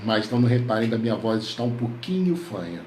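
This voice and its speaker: A male pastor, slightly nasal from a head cold, prays fervently with many repeated invocations, addressing his congregation from home over a headset. His fairly low voice is sing-song and fast. The room is echoey, with faint background noise.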